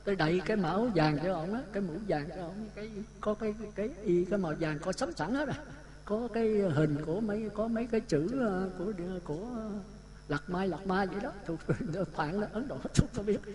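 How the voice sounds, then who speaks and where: Male Buddhist monk, Southern Vietnamese accent, high voice, animated storytelling sermon, audience audible in the room. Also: brisk, crowd noise. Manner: lively anecdotal telling, acts out dialogue. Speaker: Buddhist monk giving a dharma talk. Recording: talk with audience sounds behind. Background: listeners laughing.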